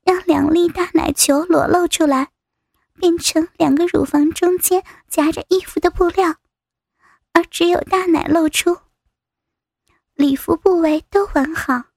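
A woman narrating a scripted audio story in a slow, even reading. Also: very high-pitched, gravelly, no room sound. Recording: dry close recording.

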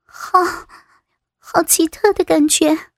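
A woman voicing a meek, humiliated young female secretary who speaks softly and hesitantly. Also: extremely high pitch, fairly even intonation, slow, no echo, studio quality, exaggerated voice. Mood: timid. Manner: soft, hesitant, submissive.

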